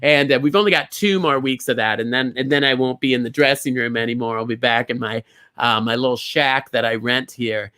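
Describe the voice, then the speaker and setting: A man's voice: mid-range voice, a little fast, sharp tone, smooth. An American man from Minnesota hosting an online bingo show as a drag hostess, chatty and campy, with theatrical, gushing greetings. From Minnesota, United States.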